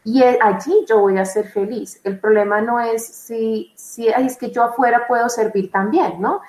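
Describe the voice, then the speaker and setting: A woman with a fairly high, slightly mellow voice speaks at a moderate pace, recorded poorly in an echoey room. She is a religious sister working as a vocation coordinator, answering interview questions earnestly and reflectively, with lots of fillers.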